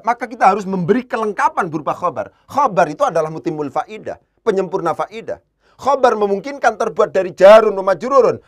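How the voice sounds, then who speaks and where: A man teaching Arabic grammar in a classroom lesson, repeating key phrases and slowing down to spell out Arabic words. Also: sits high.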